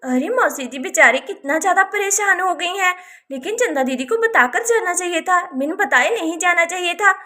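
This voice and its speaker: A woman's voice: very high-pitched, animated, normal speed, bright, forceful tone, exaggerated voice. A woman voicing a kind, caring young village woman in a doll story, speaking politely and soothingly. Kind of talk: Hindi doll-story voice acting.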